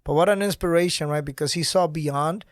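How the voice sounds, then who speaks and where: A middle-aged man speaking as a guest in a podcast studio interview, talking with energy and animated conviction. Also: on the high side, a little fast, dry recording. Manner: energetic, gestures while talking. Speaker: guest, nonprofit founder. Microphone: studio mic on boom arm.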